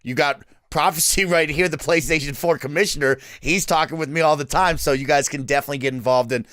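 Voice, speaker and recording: Man who says w for r, crisp voice. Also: a little high, fast talker, fairly bright tone, no echo, clean studio sound. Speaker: esports talk show host. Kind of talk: upbeat esports show commentary.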